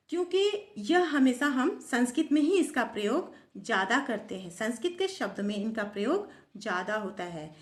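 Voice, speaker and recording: A woman with a fairly high voice teaches a grammar lesson. She poses questions to her pupils and answers them herself in a repeating drill. Her voice rings in an echoey room.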